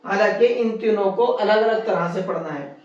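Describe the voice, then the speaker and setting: A man's voice: high voice, a little mellow. A man teaching Quran letter pronunciation step by step, patiently repeating his points and drawing out each letter to demonstrate it. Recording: very echoey room, distant dull mic.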